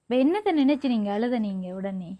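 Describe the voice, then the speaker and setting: A woman's voice: on the high side, big pitch swings, fairly quick, highs cut off. Soothing Sri Lankan Tamil woman vlogger. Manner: soft, soothing, reassuring. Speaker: vlogger visiting a family. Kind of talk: casual conversational interview.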